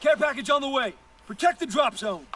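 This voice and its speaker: An actor playing a brisk male military radio announcer in a war game, speaking in short, clipped calls. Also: very high voice, expressive, noisy background. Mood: curt. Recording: game audio under loud gunfire.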